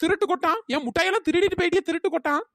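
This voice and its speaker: A voice actor voicing a fierce little village girl in a cartoon story, bossy and defiant, with a pitch-raised voice. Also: racing, no echo, clean studio sound. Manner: defiant, bossy shouting at a bungalow.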